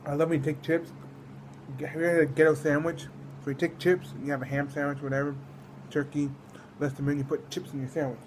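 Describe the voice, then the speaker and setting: Rambling higher-voiced man reviewing snacks, noisy recording. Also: flat delivery, fairly quick, a little mellow. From United States. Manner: rambling, trailing off mid-thought. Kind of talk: casual food review vlog.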